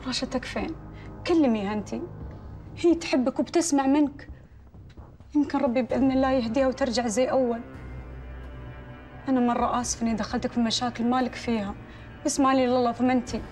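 Brief: an actress playing a weary mother, high and rapid voice. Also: fairly even intonation, darkish tone, faint music behind, close to an everyday voice. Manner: weary, pleading. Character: worn-out mother worried about her daughter. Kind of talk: TV drama acting.

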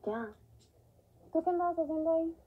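A woman's voice: extremely high pitch, brisk, phone-quality sound. An actress with a Mexican accent playing an impatient young woman from a street clown troupe in a TV drama. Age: young adult.

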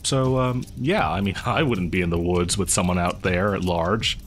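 A man with a low voice at normal speed, close to how he'd speak every day, plays a killer pretending to be a partygoer in a horror audio roleplay. He's chatty and amused, creepily friendly, rambling hesitantly and conspiratorially with chuckles as he casually tells the listener a story. Faint music plays behind him.

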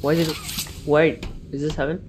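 Low-voiced woman reacting to a game. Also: level tone, moderate pace, background noise. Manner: reactive, swears, shouts when startled. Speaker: let's-play gamer. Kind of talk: gaming commentary.

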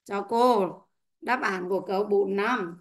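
A woman's voice: mid-range voice, unhurried. A young woman teaching an English class online, patiently drilling pronunciation word by word. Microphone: headset or computer mic on a video call.

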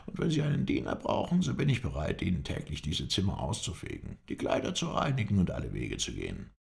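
A man's voice: sits low, wildly swooping pitch, quick pace, vocal fry, voice pushed up, full character voice. A man voicing a fawning, eager house watchman. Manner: ingratiating, eager to please.

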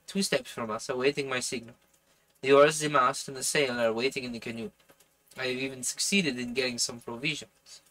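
A man's voice: medium pitch, fairly bright tone, lightly acted, rough recording. A man voicing a determined, impatient harpooner in an audiobook, with a put-on French accent and an urgent, resolute manner. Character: determined, impatient Canadian harpooner plotting escape. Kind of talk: audiobook character voice.

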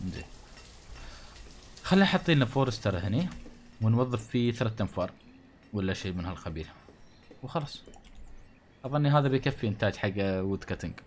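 Fast-talking Gulf Arabic gamer man. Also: lowish voice, sing-song, a little hiss or hum. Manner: chatty, thinks aloud, grumbles and jokes at the game's townsfolk. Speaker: gaming channel host. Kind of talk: casual gameplay commentary. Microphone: studio condenser mic.

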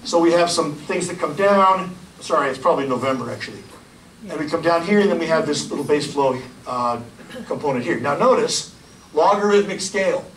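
A man in his forties giving a loud, energetic public science lecture to a room of listeners. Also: fairly high pitch, brisk, slight background noise. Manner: loud, energetic, gestures and points at slides. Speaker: county hydrogeologist giving a public talk. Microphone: lapel mic, filmed from the room. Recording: echoey room, voice from far off.

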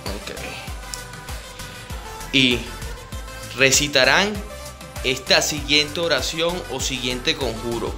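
A man's voice: medium pitch, takes it slowly, long pauses. A man with a Venezuelan Spanish accent walks viewers through a spiritist ritual step by step. He keeps repeating his instructions and tells them to look. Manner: repetitive, directly instructing viewers. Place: indoor room with a home altar. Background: music.

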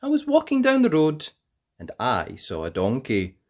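This storyteller, who hosts a read-aloud program, performs a children's picture book with theatrical playfulness and drawn-out key words. Speaking at a normal pace, the mid-range voice leaps through enormous pitch swings.

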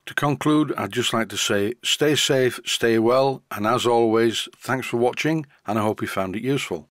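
An older man with a softened northern English accent works as a model engineering tutor, voicing an unscripted workshop tutorial at a moderate pace. He's relaxed with a slight stutter, and the recording, made on a high-end studio microphone, is dry.

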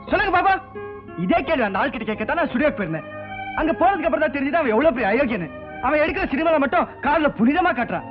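A brash, sarcastic young man squares up to his elders in an old film. His voice sits very high and swings widely. The soundtrack is dull, with film music running underneath. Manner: sarcastic, confrontational. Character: brash defiant young male lover. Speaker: film hero, a young singer. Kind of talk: 1980s film dialogue.

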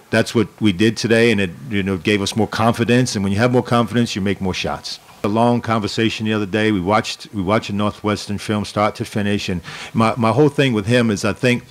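A middle-aged man, a head basketball coach, answering questions at a post-game press conference in a measured way, often repeating words as he restarts, speaking into a desk microphone. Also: lowish voice. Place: press room in front of a sponsor backdrop. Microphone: desk microphone on a stand.

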